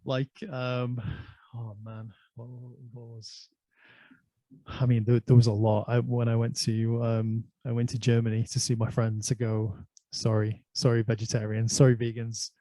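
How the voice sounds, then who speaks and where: A man's voice: medium pitch, completely flat delivery, measured pace, mellow, no echo. An Irish man hosting a casual conversation, chatty and anecdotal, telling stories from his life. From Ireland. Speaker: host.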